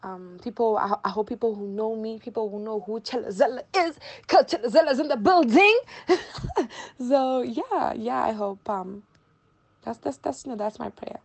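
A woman in her early twenties, with a Zimbabwean accent, speaks at normal speed in a voice on the high side. She's a casual interview guest who often repeats phrases to emphasize them.

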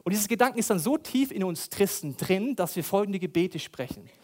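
Animierter Prediger mit hoher Stimme. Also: male voice, high voice, a little fast. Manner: animated, shifting between loud outbursts and soft asides; provocative, rhetorical questions to the congregation. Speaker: preacher. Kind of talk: sermon.

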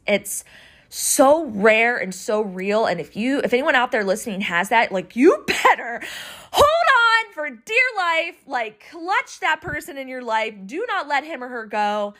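A woman's voice: on the high side, expressive, unhurried, a bit bright. A woman hosting a podcast, talking earnestly about her past relationships in a reflective monologue, her voice emotional and near tears. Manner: earnest, emotional, wandering with many restarts. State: tearful, emotional voice. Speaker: podcast host.

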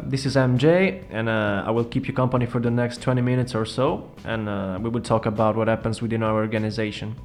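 A man hosts a radio show in casual chat. His delivery is halting and playful, at an ordinary male pitch, with faint music underneath.

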